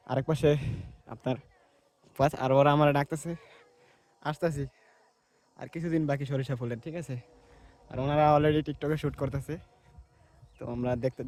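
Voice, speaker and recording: A man's voice: fairly high pitch, darkish tone. A man from Bangladesh vlogging outdoors while walking through mustard fields, chatty and colloquial, talking to the camera he holds. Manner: chatty, colloquial, often says "ঠিক আছে". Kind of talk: walking vlog.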